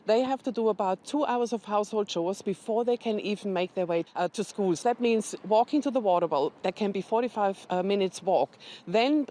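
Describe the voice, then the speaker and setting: A woman's voice: medium pitch, brisk, few pauses, dark tone. A woman speaking as a charity representative in a news interview, explaining things step by step in an informative way.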